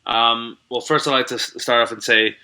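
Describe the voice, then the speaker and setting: A young man talks casually as a comedian guest on a video call. His voice is very bright and ringing, and his talk is relaxed and full of slang. His pitch sits in the middle for a man. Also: moderate pace, a little hiss or hum, rough recording. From Canada. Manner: laid-back, laughing, slangy. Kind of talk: casual interview chat.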